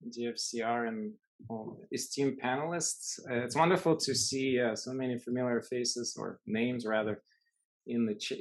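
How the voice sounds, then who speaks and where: Middle-aged Russian-accented doctor on a video call, unscripted, conversational. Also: male voice, mid-range voice, low-quality recording. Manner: conversational, frequent fillers and restarts. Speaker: panelist, physician. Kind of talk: unscripted expert talk.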